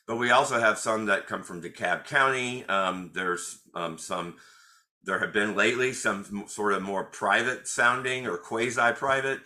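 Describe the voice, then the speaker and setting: Middle-aged male attorney host, lower pitch, bright edgy tone, halting delivery full of fillers. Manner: hesitant, many fillers and restarts. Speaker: attorney hosting a monthly Q&A webinar. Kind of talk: informal webinar presentation.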